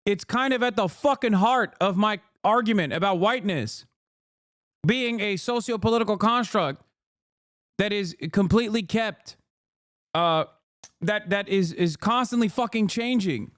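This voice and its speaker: A man's voice: high voice, unhurried, fairly bright tone, no echo, studio quality. A man from Turkey streaming live, reading and answering his chat in blunt casual talk that swears freely.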